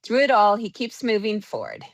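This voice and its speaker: A woman's voice: medium pitch, big pitch swings, normal speed, no echo. A woman hosting a podcast, reading a polished, upbeat introduction and then interviewing her guest. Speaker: podcast host.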